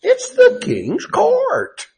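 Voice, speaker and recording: A man's voice: very high-pitched, huge pitch swings, vocal fry, darkish tone, pitched above the performer's own voice, exaggerated voice. A man putting on a sneering, mocking priest. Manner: mocking, drawn-out sing-song. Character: sneering condescending male priest.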